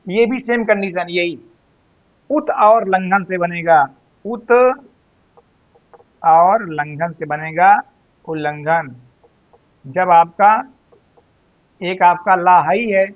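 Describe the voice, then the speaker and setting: A man teaching Hindi spelling, repeating each word slowly and calling his students "beta". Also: sits high, lo-fi sound. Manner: slow, drawn-out repetition of words, addresses students as "beta". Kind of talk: spelling and grammar lesson.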